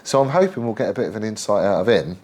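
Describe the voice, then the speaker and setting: A middle-aged motorcycle builder and channel host, fighting a head cold, rambles casually through an update from his home workshop, full of ums and local slang. His lowish, darkish voice is very animated, and he talks fast.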